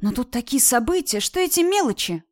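A woman voicing a sharp-tongued, indignant young woman. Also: sits high, very animated, fairly quick, pitched above the performer's own voice. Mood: wry. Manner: sarcastic, indignant and emphatic. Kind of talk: audiobook character voice.

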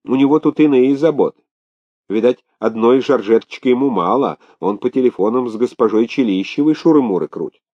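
A man's voice: mid-range voice, expressive, fairly quick, mellow, pitched above the performer's own voice, close to an everyday voice. A man reading an audiobook, voicing a sly, chatty young housemaid who gossips and scolds in a raised voice, on a dull lo-fi recording. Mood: gossiping.

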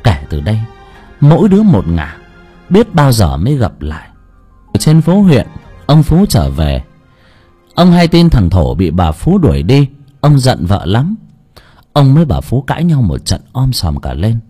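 A man's voice: medium pitch, wildly swooping pitch, unhurried, pauses often, dark tone, breathy edge. A man narrating an audiobook story dramatically. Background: faint music.

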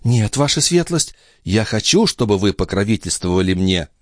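A man's voice: lowish voice, sing-song, moderate pace, no room sound, studio quality, pitched above the performer's own voice. A man putting on a coy, pleading young maid. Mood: imploring. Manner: pleading, coaxing. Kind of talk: audiobook character voice.

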